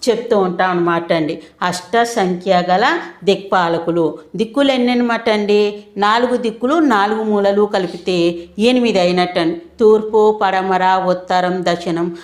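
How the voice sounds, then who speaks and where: A woman's voice: mid-range voice, fairly even intonation, unhurried. A middle-aged woman with a Telugu accent teaching a grammar lesson, who asks questions and answers them herself while repeating the key terms.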